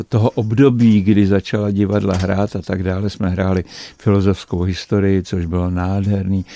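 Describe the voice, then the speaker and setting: A man's voice: fairly low pitch, gravelly, warm tone, no room sound. Older man telling rambling stage anecdotes. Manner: rambling anecdotal storyteller, frequent hesitations. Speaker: actor and entertainer guest. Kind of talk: radio interview reminiscence.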